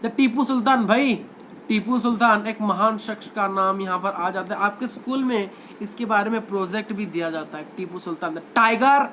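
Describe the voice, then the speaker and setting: A man's voice: high-pitched, normal speed, pushed and bright, a little hiss or hum. A male teacher giving a history lecture, constantly asking questions and answering them himself, repeating key words for emphasis.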